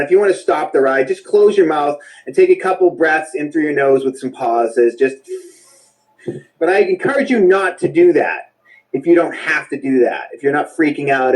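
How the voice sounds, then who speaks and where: A man's voice: fairly high pitch, darkish tone, poor audio. A man leading a breath work class, giving casual, blunt instructions with jokes and the odd swear word.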